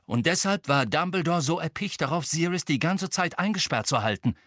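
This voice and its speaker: Man playing a frantic, shouting teen boy. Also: a little high, animated, fairly quick, dry recording, clean studio sound, voice pushed up. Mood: desperate. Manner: urgent, loud outbursts. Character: frantic teenage boy wizard, desperate and shouting.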